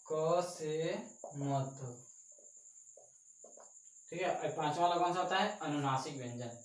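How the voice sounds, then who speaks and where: A male teacher giving a classroom lesson, sounding out consonants slowly one by one and checking in with the class often. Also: a little high. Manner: slow, drawn-out sounding of letters with frequent "ठीक है" checks. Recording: echoey room, distant mic, insects chirping.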